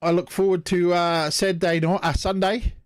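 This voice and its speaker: A man with a New Zealand accent hosts a live stream. His voice is fairly high and recorded dry. He is informal and blunt as he steers the show along. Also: level tone, moderate pace, no room sound. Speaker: host. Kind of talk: casual live-stream hosting.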